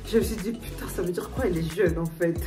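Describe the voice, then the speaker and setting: A young woman speaks straight to her viewers in a casual storytime vlog, circling back over the same points with many fillers and restarts. Her voice sits on the lower side and a little off-mic, with faint music playing underneath. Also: fast, dark tone, far from the mic. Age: young adult. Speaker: vlogger.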